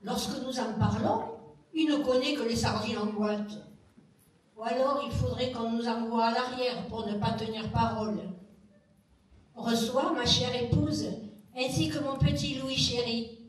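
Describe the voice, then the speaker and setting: Woman reader, high, slow and measured, echoey room from far off. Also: fairly even intonation. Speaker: reader of wartime letters. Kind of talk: slow public reading of letters.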